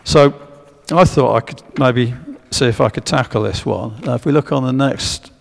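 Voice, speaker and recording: A long church-hall echo follows a man giving a history talk with slides to a public audience. His voice is gravelly and creaky at a middling pitch, and he stalls on fillers and restarts sentences while asking listeners for their guesses.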